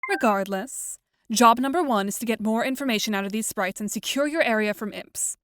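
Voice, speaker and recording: An audio drama features a woman playing a composed teenage girl who is wry and articulate, delivered with formal, dry, measured wording against music. Her voice sounds natural, on the high side and a bit bright, with a little hiss or hum in the recording.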